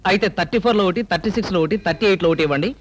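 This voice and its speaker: An actor playing a playful, teasing husband in a film comedy scene, full of wordplay. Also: male voice, sits high, rapid-fire, soft background music, lightly acted. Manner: teasing, wordplay-heavy banter. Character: playful flirty husband caught smoking.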